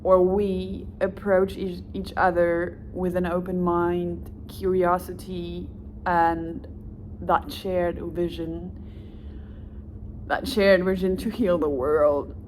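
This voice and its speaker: Speaking slowly in a low, darkish, fairly flat voice, a German-accented woman whose mother tongue is German gives a casual self-introduction for a volunteer position. She rambles, corrects herself, and laughs softly, over a faint hiss or hum.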